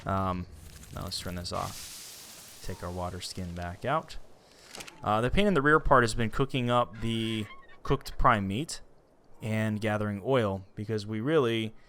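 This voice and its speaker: Low-voiced chatty gamer man. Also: a little slow, slight background noise. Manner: chatty, excitable, self-talking while playing. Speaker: gaming channel host. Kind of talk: casual let's play commentary.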